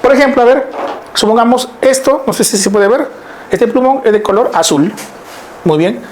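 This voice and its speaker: A man's voice: extremely high pitch, normal speed, a little hiss or hum. A middle-aged man teaching a class on word roots, explaining step by step and often checking whether his students follow. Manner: lively, explains step by step, keeps checking in with listeners.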